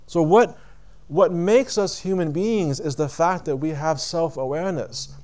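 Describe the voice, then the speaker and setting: A reflective religious lecture comes from a man with a fairly high, darkish voice speaking to a live audience. Conversational and deliberate, he poses questions to the listeners and halts to rephrase his words.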